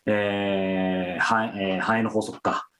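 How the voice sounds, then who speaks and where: A man's voice: on the low side, flat delivery, takes it slowly, a bit bright. A man co-hosting a podcast in casual but polite chat, deferential and agreeable with the person he talks to. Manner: deferential, agreeable, frequent backchannels. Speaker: podcast co-host and interviewer.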